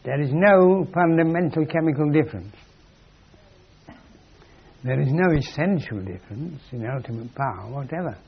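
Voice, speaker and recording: A man's voice: fairly high pitch, lively intonation, normal speed, vocal fry, long pauses, slightly rough. A man giving a philosophical lecture in a wry, emphatic way, on a dull lo-fi recording. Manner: wry, emphatic, acts out quoted voices.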